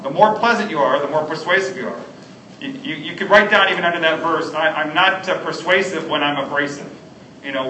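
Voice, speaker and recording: A man's voice: on the high side, bright, forceful tone, a little hiss or hum. A middle-aged man preaching a sermon as a pastor, earnest and conversational, with frequent ums. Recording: echoey room, mic at a distance.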